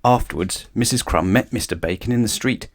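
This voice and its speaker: With a lowish voice and a brisk pace, a man narrates a children's picture book in a lively read-aloud style.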